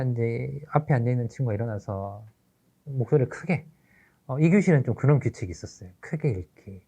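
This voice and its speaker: A middle-aged man, a teacher trainer, telling a classroom story in an animated lecture. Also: medium pitch, dull audio. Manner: animated storytelling, acts out characters.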